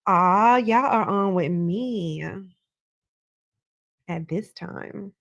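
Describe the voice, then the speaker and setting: A woman's voice: mid-range voice, drawn-out words, no echo, lo-fi sound. A woman hosting a live psychic hotline, giving conversational readings with effusive, familiar greetings and thanks to callers. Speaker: psychic tarot reader hosting a live call-in.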